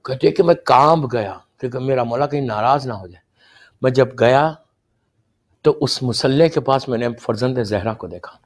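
A man preaching a religious sermon. He moves from hushed storytelling to loud, pleading exhortation and mixes English words into his speech. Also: medium pitch.

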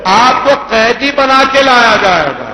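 A man voicing an elderly holy father within a mourning sermon, speaking deep, slow and solemn. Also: noisy background, natural voice. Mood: grieving. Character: elderly male holy patriarch, grave and tender father. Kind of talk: sermon recitation of a mourning narrative. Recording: dull lo-fi sound.

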